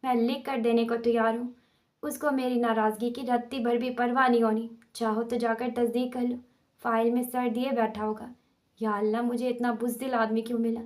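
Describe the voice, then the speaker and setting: Reading a storybook drama, a woman plays a hot-tempered young wife who rants and mocks in the same breath. Her pitch sits fairly high yet hardly moves, so the words carry the fury, not the melody; her tone is darkish and her performance lightly acted.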